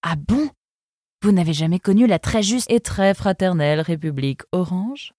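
A woman's voice: on the low side, normal speed, warm tone, no room sound, studio quality, voice pushed up, lightly acted. A woman voicing an earnest, irritable young male fox who asks edgy questions in a storybook. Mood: curious.

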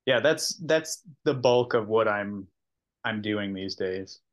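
A man's voice: lowish voice, lively intonation, slow pace. A man with an American accent chats casually as an interview guest, in a hesitant, understated way. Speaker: podcast guest, sketch comedian. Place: remote video call.

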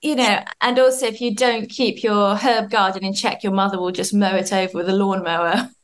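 A woman's voice: medium pitch, steady tone, fairly quick. A woman in her thirties from London, chatting casually and playfully as a guest in an interview. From London, England. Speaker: podcast guest, gardening author.

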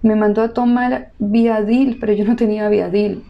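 A woman, relaxed and chatty, telling her own birth story to the camera. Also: mid-range voice, normal speed, vocal fry, highs cut off. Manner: lively, relaxed, chatty with laughter.

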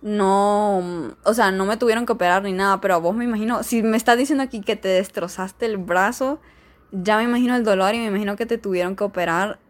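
A young woman, reading out viewer stories and reacting in a chatty, expressive way. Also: medium pitch, quick pace. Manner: chatty and expressive, lots of fillers and exclamations. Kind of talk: casual chat.

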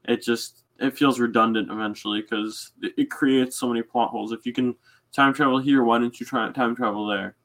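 A man's voice: mid-range voice, fairly bright tone. A man co-hosting a casual fan podcast, agreeable, often stumbling and restarting words. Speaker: podcast co-host.

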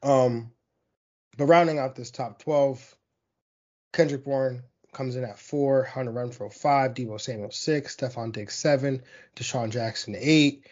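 A man's voice: mid-range voice, unhurried, a little mellow, highs cut off. A man hosting a fantasy football podcast, talking through weekly player stats in a loose, rambling way full of fillers and restarts. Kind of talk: casual sports analysis monologue.

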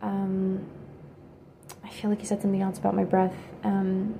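A woman quietly telling a personal story in a hesitant, halting way, pausing often. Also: mid-range voice, completely flat delivery, gravelly, slight background noise. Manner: hesitant and halting, with many pauses and fillers; quiet, subdued recounting. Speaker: video creator.

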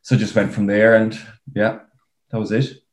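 A man's voice: lowish voice, little pitch movement, normal speed. A man with an Irish accent talking casually as a guest in an interview. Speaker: podcast guest, para rower. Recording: roomy, echoing sound.

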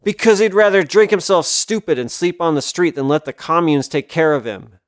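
A man's voice: on the high side, normal speed, no room sound, clean studio sound, voice pushed up, close to an everyday voice. A man voicing a hostile young male street tough in an audiobook, speaking with sneering contempt through clenched teeth. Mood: contemptuous. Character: young angry male stone creature, bigoted and hostile. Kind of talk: audiobook character voice.

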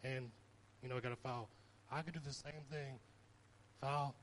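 A man's voice: medium pitch, fairly even intonation, brisk, a little hiss or hum. A young man giving an informal sermon, talking conversationally and telling stories with rising emphasis. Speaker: preacher.

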